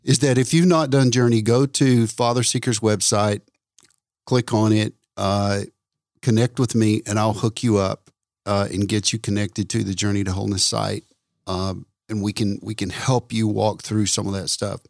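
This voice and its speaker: A man hosting a casual faith talk, repeating words for emphasis like a preacher and slowing down on key points. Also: on the low side, steady tone, vocal fry, a little mellow, dry recording, studio quality. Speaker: podcast host.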